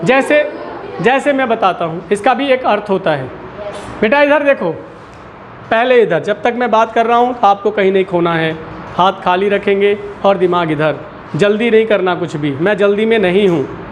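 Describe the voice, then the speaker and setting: A man's voice: high voice, normal speed, a little hiss or hum. A man teaching a Hindi lesson to a school class, patiently asking questions and repeating the key words. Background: children in the classroom.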